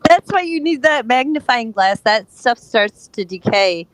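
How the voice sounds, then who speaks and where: A woman's voice: fairly high pitch, expressive, unhurried, no echo, poor audio. A woman in her fifties co-hosting a casual livestream, teasing her co-host and chatting freely. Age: 50s. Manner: teasing, chatty, laughs readily. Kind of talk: casual live chat.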